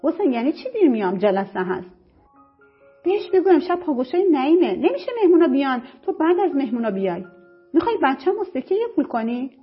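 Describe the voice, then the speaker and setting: A woman voicing a bossy, quick-tempered middle-aged mother who scolds and gives orders. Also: medium pitch, sing-song, breathy edge, faint music behind. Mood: indignant. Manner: scolding, commanding. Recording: muffled lo-fi recording.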